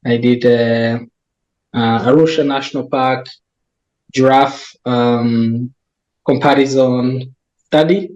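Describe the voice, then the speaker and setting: A man's voice: medium pitch, fairly even intonation, darkish tone, highs cut off. A young Tanzanian man working as a wildlife research coordinator, being interviewed and answering thoughtfully with many restarts. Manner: slow and thoughtful, with frequent restarts. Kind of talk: conversational interview.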